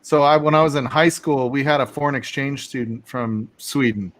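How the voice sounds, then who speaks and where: A man's voice: medium pitch, moderate pace. A man hosting a casual live stream over a video call, telling loose stories with the odd curse. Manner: loose, swearing storyteller. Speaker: stream host.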